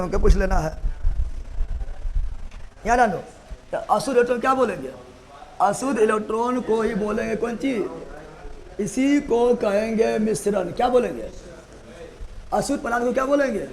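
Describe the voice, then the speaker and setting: A man's voice: very high voice, gravelly, darkish tone. A man teaching a chemistry class, repeating key words and quizzing students in colloquial Hindi with joking asides. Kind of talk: classroom lecture with call-and-response questions. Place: classroom, also streamed online.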